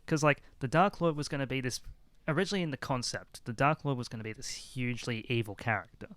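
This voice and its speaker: A man's voice: medium pitch, quick pace, a bit bright, dry recording. Rambling casual man hosting a podcast. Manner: rambling, full of restarts and "like". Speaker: podcast host. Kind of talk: casual chat.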